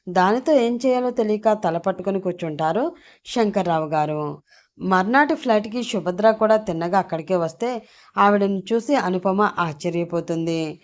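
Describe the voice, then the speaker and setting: A woman narrating a story in a steady, soft storytelling manner. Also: mid-range voice.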